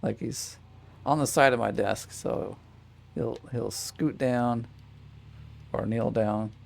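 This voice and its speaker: A man's voice: mid-range voice, slow, creaky. A man casually commenting on his gameplay at his home desk, rambling and correcting himself, with a small child beside him. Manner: rambling, self-correcting, chatty asides to a child. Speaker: gaming channel host.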